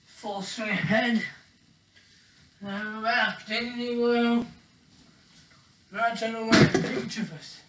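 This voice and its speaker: A gamer giving excited play-by-play of a wrestling video game, yelling, swearing and counting pins aloud, sometimes out of breath. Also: medium pitch, slow, long pauses. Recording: echoey room, mic far off, faint hiss.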